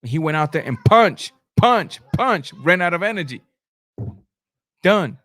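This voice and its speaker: A man hosts a live boxing commentary stream, answering chat comments bluntly in informal slang and repeating phrases for emphasis. His high, fairly bright voice is animated yet measured, and the recording is dry.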